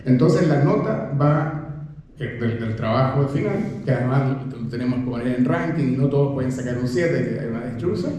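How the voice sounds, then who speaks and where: An older man with a Chilean accent, a professor giving an animated, conversational talk to an audience, full of rhetorical questions and restarts. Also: mid-range voice, moderate pace. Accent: Chilean Spanish. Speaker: professor speaking at a book presentation. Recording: very echoey room.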